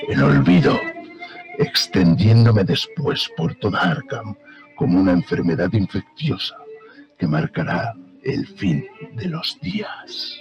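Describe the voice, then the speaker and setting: A man's voice: lowish voice, creaky, exaggerated voice. A man playing a malevolent ancient supernatural king in a horror audio drama, pompous and menacing with mock courtesy, drawing out his words theatrically. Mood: gloating menace. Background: music.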